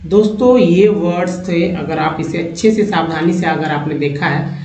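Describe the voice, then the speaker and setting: A man from India teaching English words in a slow lesson, repeating each word and spelling out letters. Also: fairly high pitch, background noise. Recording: echoey lo-fi room.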